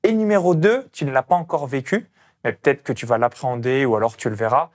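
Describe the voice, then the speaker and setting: A man's voice: medium pitch, fast talker. A man from France with a Burgundy accent, hosting a casual interview and talking emphatically with many fillers. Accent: Burgundy French. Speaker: host.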